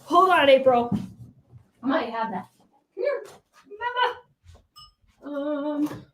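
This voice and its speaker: A woman's voice: high voice, expressive, takes it slowly. A young woman hosting a casual reading livestream, chatting with viewers and trash-talking playfully. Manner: chatty, playful trash talk, frequent laughs. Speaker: streamer hosting a reading sprint.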